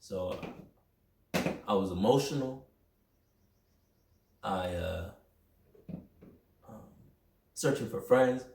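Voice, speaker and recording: A man's voice: on the low side, extremely slow, vocal fry, long pauses, noisy background. Young man talking in a roomy echo. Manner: energetic, rambling, self-reflective. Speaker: podcast host. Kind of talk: personal motivational monologue. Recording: roomy echo, mic at a distance.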